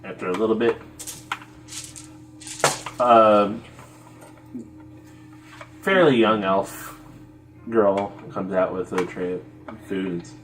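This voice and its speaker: A woman's voice: rumbling low, slow, pauses often, slight background noise. A woman narrating a tabletop game as its game master, loose and casual. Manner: loose, casual, swears and laughs.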